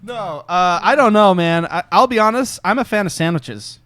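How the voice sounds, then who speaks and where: A man's voice: sits high, lively intonation, normal speed, fairly bright tone, slight background noise. A man co-hosting a casual podcast, playful and teasing with an enthusiastic manner. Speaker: podcast co-host. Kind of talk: casual chat.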